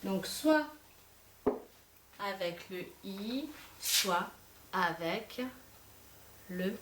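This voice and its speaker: Teacher lady dictating slowly to little kids, kinda far from the mic, faint hiss. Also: medium pitch, expressive. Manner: slow, clear dictation, pausing between syllables. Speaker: primary school teacher. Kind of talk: dictation lesson for young pupils. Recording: echoey room, voice from a distance, faint hiss.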